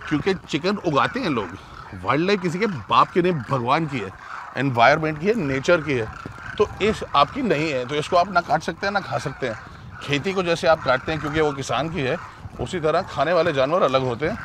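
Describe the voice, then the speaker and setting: Middle-aged man, travel host, earnest, moralizing, slightly high pitch, lapel mic, outdoor noise. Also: expressive, brisk. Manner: earnest, hushed at times, moralizing. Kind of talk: travel show commentary. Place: outdoors at a desert bird site. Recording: outdoor noise, birds calling.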